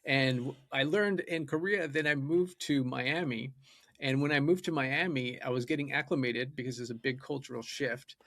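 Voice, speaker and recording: A male data scientist and musician whose first language is Japanese tells his story as a podcast guest, earnest and eager. His medium-pitched, slightly bright voice moves at a moderate pace in a dry, clean studio recording.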